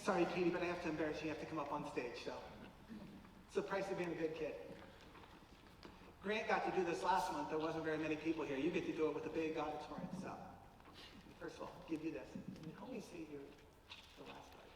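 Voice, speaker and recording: A man presenting informally as a school official at a public meeting, halting a little as he reads out details. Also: fairly high pitch, steady tone. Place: large auditorium, from the stage. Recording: very echoey auditorium, distant mic, faint noise.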